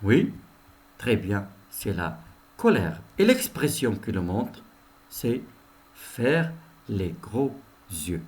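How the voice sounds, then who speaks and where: A man's voice: on the low side, big pitch swings, extremely slow, a little mellow. A male teacher giving a recorded lesson, repeating each sentence and explaining it to his pupils, whom he addresses directly.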